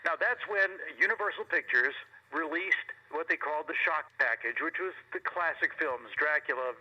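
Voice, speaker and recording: A man's voice: on the high side, normal speed, muffled recording. An older American man speaking as an interview guest, telling history conversationally with frequent asides. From Chicago, United States. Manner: informative, recounting history with asides. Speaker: interview guest, veteran television horror host.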